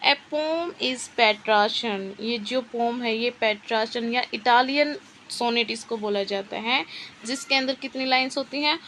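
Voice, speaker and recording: A woman teacher giving an exam-prep literature lesson, explaining slowly and asking and answering her own questions. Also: a little high, fairly even intonation, a bit bright, slight background noise, poor audio.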